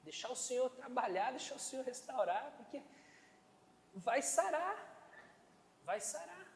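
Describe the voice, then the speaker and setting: High-voiced man preaching in echoey hall. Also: very animated, normal speed, slight background noise. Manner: conversational, asks the congregation "né?". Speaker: pastor. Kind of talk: sermon. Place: church. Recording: echoey church hall, long reverb.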